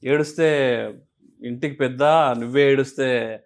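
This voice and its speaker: A man explaining emotions in an interview, asking and answering his own questions in an animated way. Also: mid-range voice, unhurried. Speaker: guest speaker on emotions.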